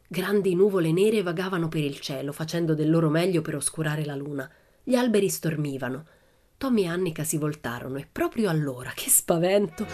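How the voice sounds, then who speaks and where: A woman reading a children's story aloud as an audiobook in a lively, expressive storytelling manner. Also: fairly low pitch. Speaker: audiobook reader.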